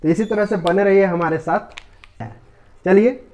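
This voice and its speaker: A man with a high voice and a Bihari Hindi accent teaches a casual exam-prep lesson. He keeps quizzing his listeners, answers his own questions, and tosses in joking asides. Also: a little slow, darkish tone.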